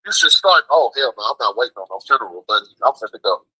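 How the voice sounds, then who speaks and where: Over a rough phone line with no echo, a man's medium-pitched voice comes through husky and sharp, quick and sing-song. He's an American food truck cook calling into a show as a guest, trading casual chat and stories in emphatic slang and repeating himself.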